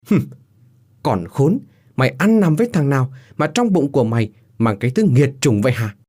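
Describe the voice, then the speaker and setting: A man's voice: on the low side, animated, normal speed, darkish tone, lightly acted. A man playing a cruel, violent husband who barks threats in an audio story. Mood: furious. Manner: harsh, threatening.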